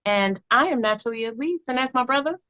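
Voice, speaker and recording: A woman's voice: on the high side, expressive, quick pace, bright, forceful tone, dry recording, lo-fi sound. An American woman hosting a casual music talk show. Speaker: podcast host.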